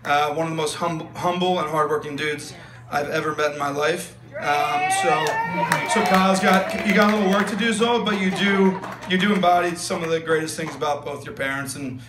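Brisk and a little high-voiced, a young best man gives a wedding toast on a handheld mic, rambling along with lots of fillers and jokes. The recording comes from a large, echoey wedding tent full of room noise and laughing guests.

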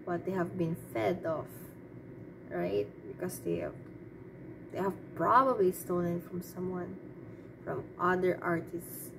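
A woman with a fairly low, steady voice talks at an unhurried pace, sharing her opinions in a loose, spontaneous monologue. She hesitates and rambles as she works through her thoughts. There's clearly noise in the background.

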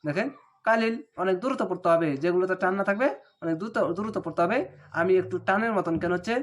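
A man teaching Quran reading, speaking with a Bangladeshi Bengali accent. He spells out the syllables slowly and then chants the whole words. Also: sits high. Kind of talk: step-by-step recitation lesson.

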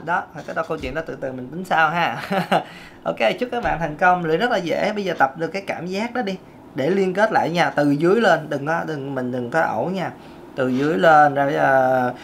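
A woman's voice: low voice, a little fast, slight background noise. A woman, a vocal coach giving a casual singing lesson and breaking off to demonstrate vocal sounds.

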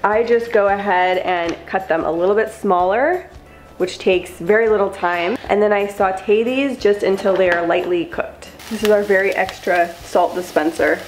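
A woman's voice: medium pitch, normal speed, reverberant. A young woman vlogger talking through her cooking steps in a chatty, upbeat voice-over. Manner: upbeat, chatty, step-by-step instructions. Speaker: lifestyle vlogger. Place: home kitchen.

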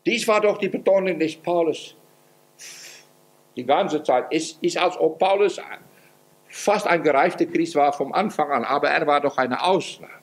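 A man preaching a sermon as pastor, earnest, his voice swinging up and down in pitch and loudness. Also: moderate pace. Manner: acts out quoted prayers in a pleading voice.

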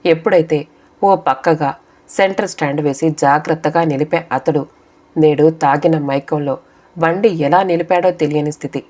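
A woman narrating a scripted short story in a steady storytelling manner for an audiobook channel. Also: low-pitched.

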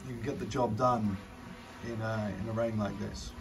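A man with a fairly low, steady voice talks at a normal pace, giving casual demo commentary as a drone reviewer and thinking aloud with some hesitation. He's outdoors on a garden patio in the rain, and the recording picks up clear background noise.

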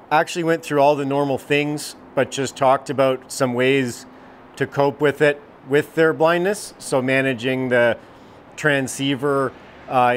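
A man's voice: medium pitch, a little hiss or hum. A man in his thirties, a mountain guide, speaking easygoing in an outdoor interview on a deck, on a lapel mic.

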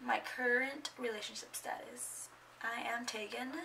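A woman's voice: a little high, steady tone, unhurried, vocal fry, pushed and bright, distant mic, slight background noise, low-quality recording. A young woman in her twenties chatting casually in a get-to-know-me vlog at home, rambling and a bit awkward, full of fillers. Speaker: vlogger. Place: at home indoors. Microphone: camera microphone.

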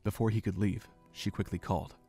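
The story's narration comes from a man whose somewhat low voice stays measured, even, and steady throughout. Beneath it, soft music plays faintly.

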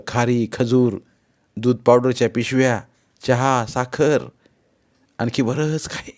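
A man with a mid-range voice narrates a novel as an audiobook, his scripted reading calm and measured.

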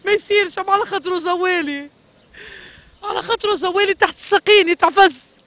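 A woman's voice: very high-pitched, quick pace, a bit bright, no room sound. A middle-aged woman with a Tunisian Arabic accent giving a pleading street interview, repeating her phrases over and over. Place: street outdoors.

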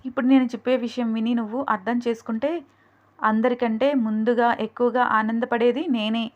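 A woman voicing an earnest young man who gently confesses his feelings. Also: fairly high pitch, fairly even intonation, brisk, dull audio, natural voice.

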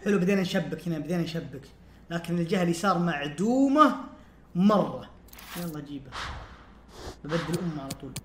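A man commentating his own football video game play, swinging from muttering to shouting and laughing. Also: a little high, animated, fast talker, long pauses, background noise. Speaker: gaming streamer. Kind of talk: casual gameplay commentary. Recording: roomy sound with loud game music.

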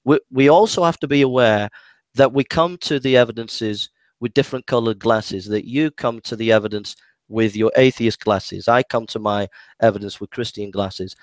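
Man, mid-pitched, halting and repetitive, debating, dry close sound. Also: no echo. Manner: hesitant, many restarts and repeated words. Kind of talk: casual debate.

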